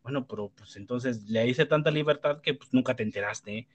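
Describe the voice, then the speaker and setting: A man's voice: mid-range voice, normal speed, no room sound. Blunt Mexican man rambling in a chat. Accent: Mexican Spanish. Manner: rambling, many restarts and tag questions; blunt, swears freely. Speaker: panelist. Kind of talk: casual debate chat.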